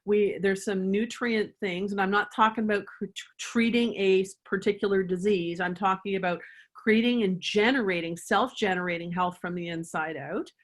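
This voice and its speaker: A woman's voice: medium pitch, fairly even intonation, moderate pace. A woman chiropractor answering interview questions in an earnest, thoughtful way, at times guiding the listener through a reflection. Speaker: chiropractor guest.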